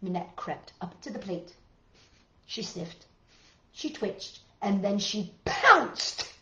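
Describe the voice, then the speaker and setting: A woman with a sharp, medium-pitched voice and lively intonation reads slowly from a picture book for children, the sound lo-fi and echoing in a roomy space. She emphasizes the drama and breaks off for chatty remarks to her listeners.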